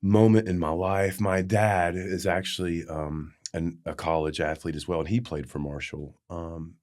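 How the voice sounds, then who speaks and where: A man with a low-pitched voice and an Appalachian hillbilly accent shares personal stories as a podcast guest. He speaks in a folksy, reflective way, like someone looking back on his own life. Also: little pitch movement, moderate pace, a little mellow. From West Virginia, United States. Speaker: podcast guest, former pro football player. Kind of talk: personal storytelling in an interview.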